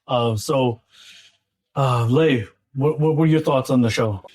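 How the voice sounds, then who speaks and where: A man hosting a casual roundtable discussion, chatty and quick to interject. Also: mid-range voice, darkish tone. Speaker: podcast host.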